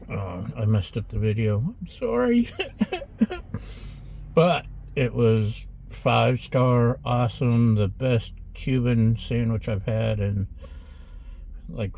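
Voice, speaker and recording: Slow gravelly middle-aged man, food vlog. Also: on the low side, dark tone, a little hiss or hum. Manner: chatty and rambling, eating between lines. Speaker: food vlogger. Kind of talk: casual food taste-test vlog. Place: restaurant.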